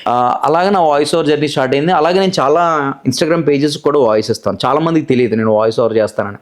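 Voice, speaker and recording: A man with a Godavari Telugu accent tells how he built his voice-over career in a casual interview. He talks very quickly, with a chatty, self-assured manner. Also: fairly high pitch. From Godavari region, Andhra Pradesh, India. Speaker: voice-over artist, guest.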